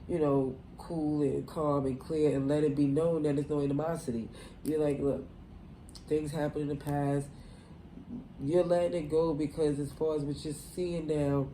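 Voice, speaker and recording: On a low-quality recording with a bit of hiss or hum, a tarot reader speaks to camera in a low, dark-toned voice. She has a cold that makes her sound nasal and stuffy, and her reading wanders casually, peppered with "like" and "you know."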